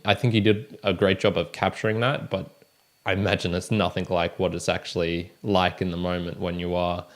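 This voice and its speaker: A man's voice: sits low, little pitch movement, brisk. A man hosting his book review channel, talking casually through a monthly recap, rambling and correcting himself as he goes. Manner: rambling, self-correcting, frequent restarts.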